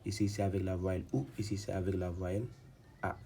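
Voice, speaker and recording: Patient low-voiced man teaching syllables. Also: level tone, noisy background. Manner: patient, repetitive, spells out syllables slowly; frequent hesitations and restarts. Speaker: Quran reading teacher. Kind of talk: step-by-step reading lesson.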